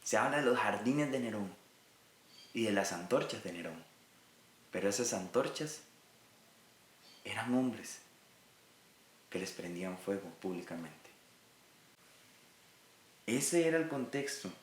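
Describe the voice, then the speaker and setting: A man's voice: fairly low pitch, lively intonation, a little slow, pauses often, reverberant. A man from Rica, teaching a recorded Bible lesson in an earnest way and speaking directly to his listeners. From Costa Rica.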